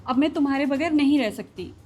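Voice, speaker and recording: An actress playing a loving young wife who speaks emotionally and pleadingly. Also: female voice, sits high, a little fast, darkish tone, a little hiss or hum, close to an everyday voice. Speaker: actor in a short drama. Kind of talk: Hindi short-film acting.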